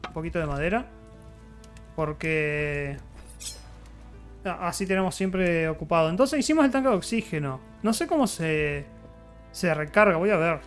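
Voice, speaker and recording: A man's voice: on the high side, lively intonation, moderate pace, long pauses, faint music behind. A man with a Rioplatense Spanish accent, chatty let's-play commentary as he thinks aloud through crafting and fights. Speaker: gaming YouTuber.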